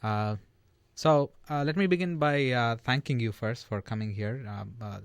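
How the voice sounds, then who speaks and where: A man's voice: medium pitch, normal speed, clear, resonant tone, no room sound. A man hosting a radio interview in a studio, speaking hesitantly with many fillers. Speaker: radio host. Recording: dry studio sound.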